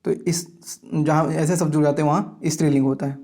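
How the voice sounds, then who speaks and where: A man with a fairly high voice teaches an exam-prep grammar lecture. He reads example words in steady lists and often pauses to make sure his students are keeping up.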